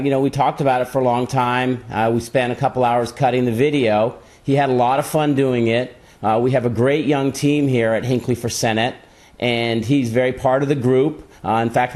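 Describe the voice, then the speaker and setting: A middle-aged man speaks as a candidate being interviewed. His voice sits at an ordinary male pitch, and he explains his points earnestly and conversationally, staying on message. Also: a little mellow. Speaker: political candidate interview guest.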